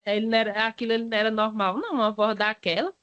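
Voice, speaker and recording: Brief: Brazilian woman on the witness stand, unsure and halting, high bright voice, muffled dull audio. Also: dry recording. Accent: Brazilian Portuguese. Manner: hesitant, vague answers. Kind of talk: courtroom testimony.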